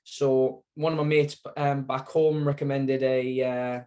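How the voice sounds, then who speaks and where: A young interview guest from Sunderland, England, chats in an unhurried, warm, medium-pitched voice with a level tone and a Mackem accent. He rambles and circles back through his story, with plenty of fillers and self-corrections.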